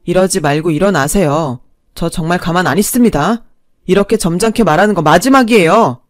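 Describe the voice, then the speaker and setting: A woman voicing a firm, restrained husband giving a calm warning. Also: lowish voice, a little fast, no room sound, clean studio sound, natural voice. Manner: controlled, warning.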